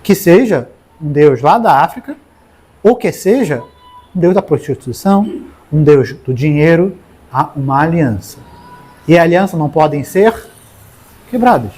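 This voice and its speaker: A man's voice: a little high, measured pace, pauses often, husky. A man with a Brazilian Portuguese accent preaching a sermon, calling on listeners in the congregation by name. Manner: animated, talks straight to the congregation by name.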